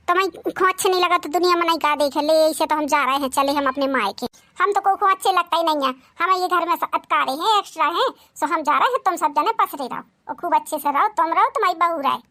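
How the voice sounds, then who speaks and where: A woman's voice: very high voice, pushed and bright. A woman voicing a quarrelsome, plump old village mother-in-law in a cartoon comedy, scolding and sulky.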